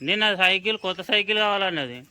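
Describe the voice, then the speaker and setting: A man's voice: high voice, very fast, sharp tone, slight background noise. A man with a Telangana accent, filming a family vlog outdoors and coaching a child with repeated, urging commands. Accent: Telangana Telugu. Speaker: family vlogger. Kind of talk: casual coaching while filming.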